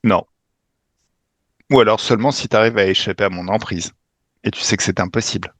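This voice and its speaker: Low-pitched man, hypnotherapist, forceful and emphatic, dry close recording. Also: brisk, no echo. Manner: commanding, emphatic, swearing casually. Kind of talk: guided regression session.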